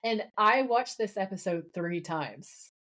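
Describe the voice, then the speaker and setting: A woman's voice: mid-range voice, lively intonation, measured pace, fairly bright tone. A woman co-hosting a podcast, chatting casually and enthusiastically with lots of fillers. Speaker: podcast co-host. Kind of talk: casual chat.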